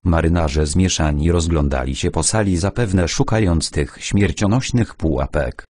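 A man's voice: low-pitched, normal speed, a little mellow, no echo, studio quality. A man reading an adventure audiobook aloud, narrating the story and voicing its characters lightly.

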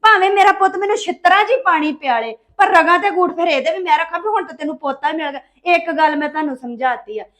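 A woman's voice: very high-pitched, fast, hardly any pauses, fairly bright tone. An actress playing a bitter young wife who complains about her mother-in-law in a domestic drama. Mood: aggrieved. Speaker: daughter-in-law. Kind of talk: domestic web drama acting.

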